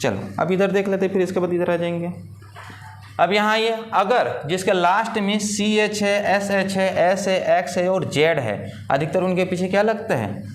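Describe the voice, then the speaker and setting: A man's voice: high-pitched, normal speed, a little hiss or hum. A man teaching an English grammar lesson. He asks his students questions and answers them himself. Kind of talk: classroom-style grammar lesson.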